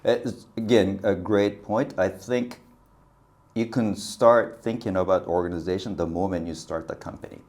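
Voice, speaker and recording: In a casual interview, a business consultant with a very deep voice spins animated stories at normal speed. Laughter comes often, and he acts out whatever dialogue he quotes.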